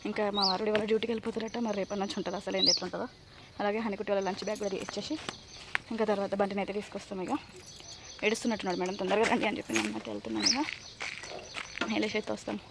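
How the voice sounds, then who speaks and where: A young mother with a Telangana Telugu accent, softly narrating her son's school run to the camera for her vlog. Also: medium pitch, level tone, rapid-fire, creaky, very noisy. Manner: soft running commentary to camera.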